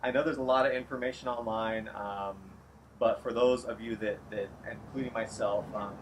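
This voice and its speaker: A man interviewing a salon owner in a casual, friendly way, often pausing with fillers and restarting sentences. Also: mid-range voice, steady tone, a little hiss or hum, rough recording. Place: salon, outdoors then indoors.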